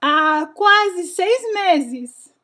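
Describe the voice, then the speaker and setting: A woman interviewer with an English accent in Portuguese, polite and halting as she searches for words in a language she is still learning. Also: extremely high pitch, lively intonation, sharp tone.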